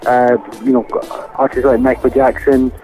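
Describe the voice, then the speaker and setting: A Scottish man with a mid-pitched voice chats as a guest on a phone interview. He answers thoughtfully and haltingly, searching for his words, with faint music behind him. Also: sing-song, creaky, dark tone, rough recording. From Scotland. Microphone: phone line.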